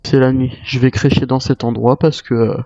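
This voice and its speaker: Role-playing a survival game, a gamer improvises as a weary retired soldier musing hesitantly to himself. He talks at normal speed in a level, medium-pitched, darkish voice captured by a dull, roomy mic.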